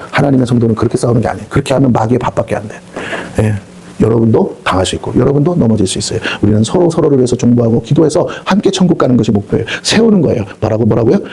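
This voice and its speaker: Fast, husky-voiced preaching man. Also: medium pitch. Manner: rapid, rising to shouted rebukes. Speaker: pastor. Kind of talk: revival sermon. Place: prayer house meeting hall.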